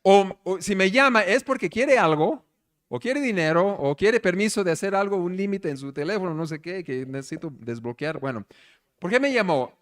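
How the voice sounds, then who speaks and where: Lively, animated male pastor preaching. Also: high voice, moderate pace. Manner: animated storyteller, asks the congregation questions. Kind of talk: conversational sermon. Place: church service.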